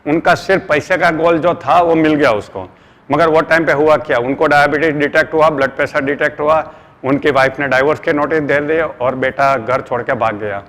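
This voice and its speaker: A middle-aged man with an Indian accent speaks briskly in a slightly high, somewhat bright voice. An earnest trainer, he gives a motivational seminar talk, calling his listeners friends and mixing in English phrases. Long hall reverb surrounds the recording.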